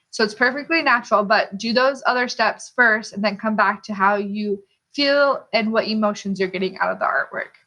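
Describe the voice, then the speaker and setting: A woman's voice: on the high side, bright, forceful tone. A woman giving an instructional lesson like a teacher, posing questions to the listener and checking in with small tags as she explains. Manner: rhetorical questions, checking in with "okay". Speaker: art teacher.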